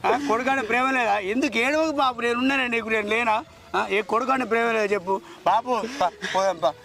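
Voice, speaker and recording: An actor playing a devoted, protective son and brother, who pleads and repeats comforting words. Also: male voice, very high voice, quick pace, creaky. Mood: pleading. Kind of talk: emotional short-film acting. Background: music.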